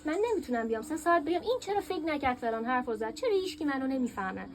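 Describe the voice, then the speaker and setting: A woman teaching a workshop class in a classroom, lively and asking her students questions. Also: high voice, a crowd in the background.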